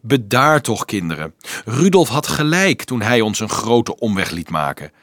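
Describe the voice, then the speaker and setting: A man voicing a calm young man who soothes and reasons with a crowd of children in a storybook reading. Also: fairly low pitch, normal speed, dry recording, clean studio sound.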